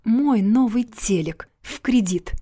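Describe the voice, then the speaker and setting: A woman's voice: a little high, very animated, moderate pace, dark tone, no echo, studio quality, voice pushed up. A woman voicing a rude, wounded young male photographer who snaps scornfully at the driver who broke his gear. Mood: angry. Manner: snapping, scornful.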